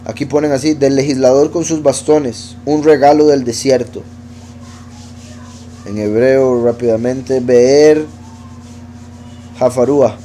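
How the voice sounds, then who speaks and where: A man teaching a Bible study, reading verses aloud and slowly spelling out Hebrew words as he explains them. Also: mid-range voice, fairly even intonation, dark tone, a little hiss or hum. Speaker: teacher of scripture.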